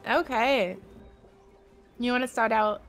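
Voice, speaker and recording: A woman's voice: on the high side, takes it slowly, a bit bright, soft background music. A woman co-casting a live strategy game match, playful and teasing with her partner. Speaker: esports caster.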